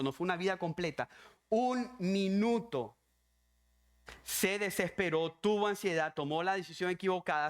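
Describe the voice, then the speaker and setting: A man preaching a sermon as pastor, emphatic and repetitive, driving home his points with rhetorical questions. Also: fairly high pitch.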